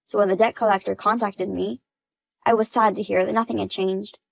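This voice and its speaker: Synthetic female storyteller, firm and matter-of-fact, mid pitch, dry close sound. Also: fairly even intonation, a little fast, vocal fry, dry recording. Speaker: narrator and mother. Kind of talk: text-message story reading.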